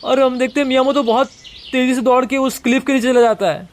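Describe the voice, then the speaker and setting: High-voiced man recapping a manga. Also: steady tone, quick pace, a little hiss or hum. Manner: casual retelling. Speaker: manga explainer. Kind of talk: storytelling recap.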